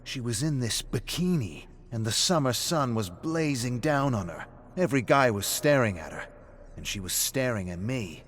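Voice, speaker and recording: A man voicing a hot-headed, defensive man who brags while drinking in a pub, gruff and snapping. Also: mid-range voice, animated, moderate pace, fairly bright tone, slight background noise, close to an everyday voice. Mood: boastful.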